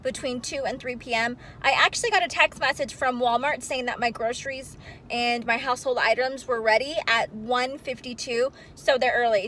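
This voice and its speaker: A woman in her thirties talks chattily into a phone camera held at arm's length, filling pauses with ums as she walks through her day. Her voice sits a little high, and a faint noise runs under the recording. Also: fairly bright tone. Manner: chatty, upbeat, many ums. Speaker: vlogger. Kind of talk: casual vlog walkthrough. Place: at home, then in a parked car.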